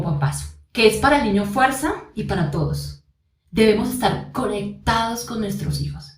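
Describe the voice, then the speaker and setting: A woman giving parenting advice in a podcast monologue. She speaks earnestly and straight to parents, and she repeats her key points. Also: medium pitch. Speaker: parenting coach. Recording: echoey room, distant mic.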